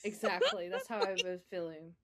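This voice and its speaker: A woman's voice: on the low side, huge pitch swings, moderate pace. Young woman podcast co-host, chatty storyteller, casual filler-heavy delivery. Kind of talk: casual chat.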